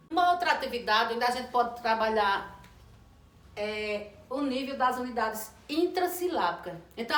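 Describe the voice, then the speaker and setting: Woman educator, high pitch, clear instructional delivery that spells out sounds slowly; roomy echo on the track. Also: fairly bright tone. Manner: slow, deliberate sounding out of words and letters. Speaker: teacher trainer. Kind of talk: instructional lesson on early literacy. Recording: echoey room.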